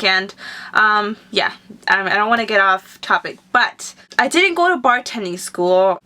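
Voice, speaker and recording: A woman's voice: fairly high pitch, pushed and bright. A woman of twenty from California, chatting casually and upbeat as a beauty vlogger answering viewer questions. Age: 20s. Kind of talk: casual chat.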